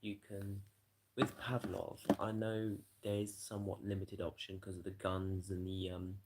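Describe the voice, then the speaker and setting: Worn-out man with a gravelly low voice. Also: little pitch movement, a little slow, heavy background noise. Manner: tired, rambling, swears a lot, yawning. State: exhausted. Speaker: livestreamer. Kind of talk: casual late-night stream chat.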